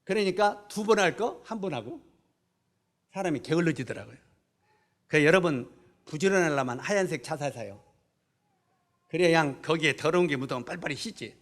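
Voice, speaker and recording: A man's voice: a little high, expressive, fairly quick, pauses often, a bit bright. A middle-aged man, preaching a sermon and often putting questions to the congregation, then answering them himself.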